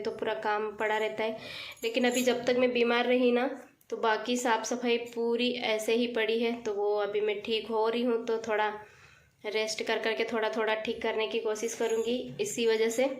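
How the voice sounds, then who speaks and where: A woman in her thirties from India, chatting casually while she cleans her kitchen. She is getting over a cold and her throat is still sore. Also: fairly high pitch. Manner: chatty, talking while working. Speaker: village vlogger. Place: home kitchen, tiled and echoey. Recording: echoey kitchen, faint noise.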